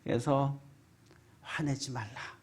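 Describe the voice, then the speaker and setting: A pastor preaching a Sunday sermon, asking the congregation questions and swinging between loud and hushed. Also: mid-range voice, steady tone, slow pace, slightly rough. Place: church sanctuary.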